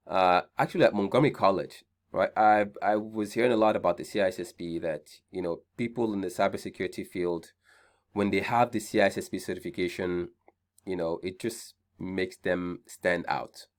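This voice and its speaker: A man with a Nigerian accent hosting an online career seminar, chatty, often repeating his points and checking in with "right?". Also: sits low. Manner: conversational, repeats key points, frequent "right?" check-ins. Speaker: seminar host.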